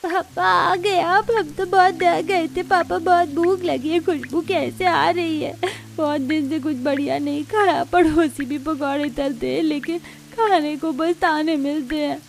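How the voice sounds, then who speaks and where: A woman's voice: high voice, steady tone, measured pace, creaky, a little hiss or hum. A woman voicing an eager, loyal little daughter in a childlike way.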